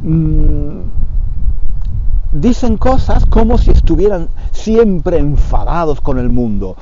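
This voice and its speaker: A man's voice: on the high side, very animated, takes it slowly, lo-fi sound, background noise. A man talks casually to learners, repeating his phrases and checking that they understand. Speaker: Spanish teacher for learners. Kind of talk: casual opinion talk for learners.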